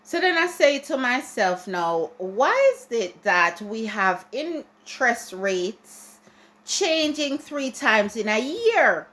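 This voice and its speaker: This adult Jamaican vlogger talks slowly in a slightly high, fairly bright voice with big swings in pitch. Her casual opinion rant to camera is full of restarts and repetition.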